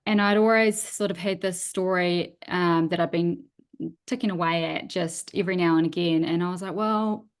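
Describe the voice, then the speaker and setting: A woman in her thirties with a New Zealand accent speaks in a lowish, steady, resonant voice that comes through clearly at a normal speed. She's an author guest chatting casually from home on a video call, rambling and hesitant and often restarting her sentences during the interview.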